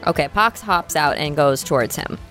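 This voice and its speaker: A woman playing in a tabletop game, calm and matter-of-fact, speaking in and out of character. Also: low-pitched, moderate pace, faint music behind. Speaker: player.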